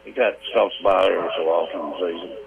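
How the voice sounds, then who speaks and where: A man's voice: sits low, steady tone, fast talker, creaky, a crowd in the background. A man calling in to an AM radio show, chatting in an easygoing, folksy way over a phone line. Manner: folksy, easygoing plain talk. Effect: AM radio call-in sound over a phone line. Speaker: radio call-in caller. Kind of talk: casual chat.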